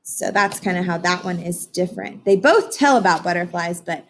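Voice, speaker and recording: Reading a children's book to young listeners the way a teacher would, a woman speaks in a fairly low voice over a little hiss or hum. Her delivery is expressive and instructive, with dramatic pauses, hushed asides, explanations, and questions for her audience.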